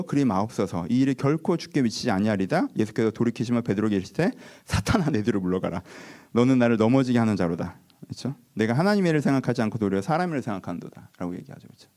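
A man preaching a sermon as a pastor, telling the story in a lively, animated way and acting out the dialogue between figures. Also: mid-range voice, quick pace.

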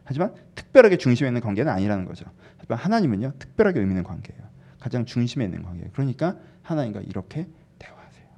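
A man preaching a sermon as pastor, conversational and animated, often asking the congregation to agree. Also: mid-range voice, husky. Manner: animated, acts out sulky dialogue in quick voices; conversational, asks the congregation "right?".

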